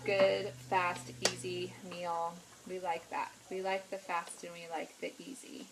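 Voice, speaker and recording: A woman's voice: lowish voice, flat delivery, measured pace, heavy background noise. A middle-aged woman hosting a live cooking video at home, chatting with viewers and greeting them by name as she cooks. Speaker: cooking vlog host. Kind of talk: casual live-stream cooking chat.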